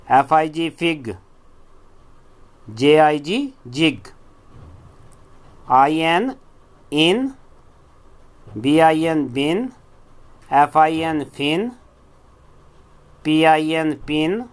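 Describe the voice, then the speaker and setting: A man's voice: on the high side, clear, resonant tone. A male teacher leading a phonics drill, spelling out each word letter by letter and then saying it.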